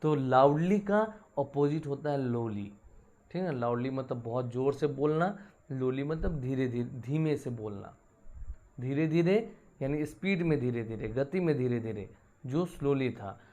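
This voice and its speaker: Slow, mellow-voiced English teacher man. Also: mid-range voice, lively intonation. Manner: explains in Hindi, reads English examples slowly and deliberately; frequent checks like "ठीक है" and "है ना". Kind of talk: bilingual grammar lesson.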